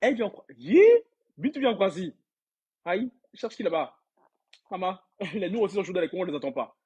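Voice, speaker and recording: A man's voice: high voice, animated, fairly quick, darkish tone, slightly rough. A man hosting a casual gossip live stream, reading out viewer comments. He rambles, repeats words and laughs often as he talks straight to his viewers. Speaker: livestream gossip host.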